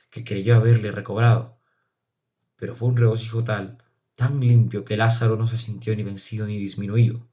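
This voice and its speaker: A man narrating a literary audiobook in a measured, solemn, expressive reading. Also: lowish voice, dull audio.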